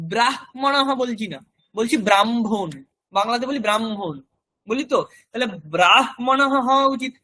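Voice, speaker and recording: A man, teaching a recorded language class. He explains step by step and repeats example words slowly so students can copy them. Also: high voice, bright, forceful tone.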